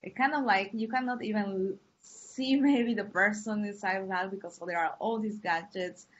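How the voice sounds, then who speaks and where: A woman from Peru, a university lecturer, giving an online class in a friendly, unhurried way with fillers and pauses. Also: medium pitch. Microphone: computer mic on a video call. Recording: muffled lo-fi call audio.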